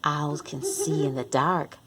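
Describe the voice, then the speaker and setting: Hosting a children's read-along, this woman reads a picture book aloud in a low, fairly bright voice at a slow pace, addressing the young listeners directly. She performs the animal noises expressively, and there's slight background noise.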